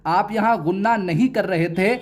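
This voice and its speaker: A man's voice: high voice, moderate pace. A man teaching Quran reading in a recorded lesson, patiently spelling out each syllable and repeating it.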